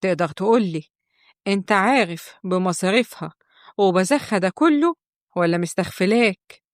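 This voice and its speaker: A woman's voice: mid-range voice, expressive, moderate pace, dry recording, natural voice. Brief: woman as a scolding, guilt-tripping Egyptian mother-in-law, storybook narration, dry and close. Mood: reproachful. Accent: Egyptian Arabic.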